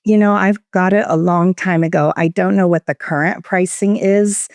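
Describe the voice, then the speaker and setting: A woman talks through her work as an interview guest, her pitch and pace rising and falling to keep the listener engaged. Her voice is smooth and clear. The sound is dry and close, with no room echo. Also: normal speed. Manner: varied, expressive inflection. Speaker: guest expert. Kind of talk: conversational interview. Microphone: studio microphone.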